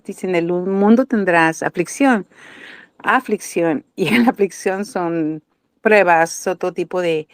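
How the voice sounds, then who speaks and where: A woman's voice: on the low side, clear, resonant tone, no echo. Mexican lady preaching a bible lesson, earnest, dry close sound. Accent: Mexican Spanish. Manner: earnest, asks rhetorical questions and answers them. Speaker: Bible teacher. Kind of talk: sermon-style Bible teaching.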